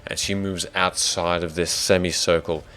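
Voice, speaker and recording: An Australian man narrating a tabletop game as dungeon master, thinking out loud and muttering to himself while he sets things up. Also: deep voice, flat delivery, normal speed, smooth.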